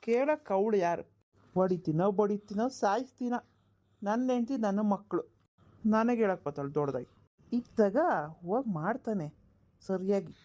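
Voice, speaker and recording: A woman's voice: mid-range voice, expressive, moderate pace, long pauses, warm tone, voice pushed down, lightly acted. A woman voicing a harsh, abusive middle-aged father in a cartoon, blustering and threatening. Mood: menacing. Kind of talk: cartoon voice acting.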